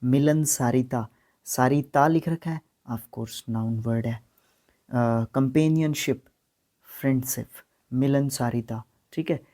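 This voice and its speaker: A Haryanvi man with a dark, mellow voice leads a solo exam-prep vocabulary lesson, recorded close to the mic. He moves between Hindi and English. He lingers on tricky words and spells them out letter by letter. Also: medium pitch, slow. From Haryana, India.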